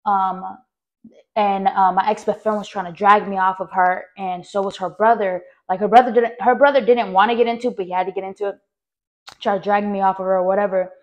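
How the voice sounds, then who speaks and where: A young adult woman hosting a podcast, telling a personal story in a rambling, animated way with lots of fillers and direct asides to her listeners. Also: mid-range voice, a little fast, lo-fi sound. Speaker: podcast host.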